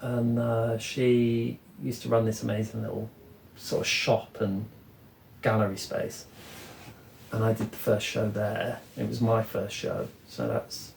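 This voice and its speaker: A middle-aged man from England talking casually as an interview guest, rambling and relaxed, often ending with "isn't it". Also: fairly low pitch, measured pace, vocal fry. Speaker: guest artist. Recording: echoey room with faint ambient noise.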